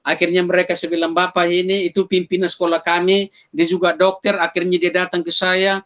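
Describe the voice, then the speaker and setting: A man's voice: high voice, little pitch movement, a little fast, fairly bright tone, lo-fi sound. A man sharing a personal testimony in a vivid storytelling manner. He speaks straight to his listeners as brothers and sisters and acts out his own cries for help.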